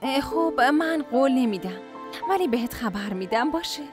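An actress dubbing a caring older sister who speaks gently and affectionately. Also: female voice, high-pitched, lively intonation. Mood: gentle. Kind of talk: Persian dub of a TV drama. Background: music score.

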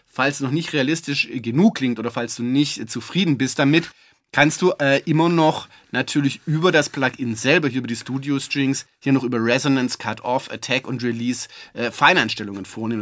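A man giving a relaxed, chatty music-software tutorial, with fillers and self-corrections. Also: fairly high pitch, no echo. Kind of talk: screen-recorded software tutorial.

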